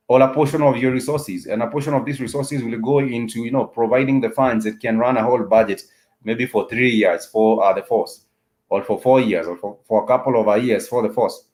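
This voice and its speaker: Man, African accent, medium-pitched voice, political commentary host, halting delivery, repeats phrases for emphasis. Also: a little mellow, rough recording. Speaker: host of a political discussion show.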